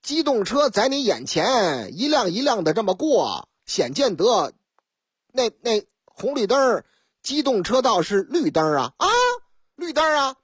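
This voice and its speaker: A woman radio host from Liaoning tells news stories in a chatty, colloquial way and acts out each scene dramatically. Her voice is husky and a bit high, with a lively, wide pitch range, recorded dry and close in a studio. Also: measured pace, no echo. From Liaoning, China. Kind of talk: storytelling news commentary.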